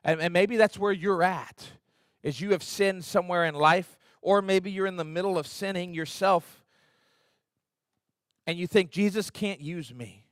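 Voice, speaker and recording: A pastor with a rather high-pitched voice preaches a sincere, conversational sermon in a church sanctuary, his tone steady and his pace a little slow. When quoting, he acts the lines out with vigor. The recording is close-miked and dry, nearly free of echo.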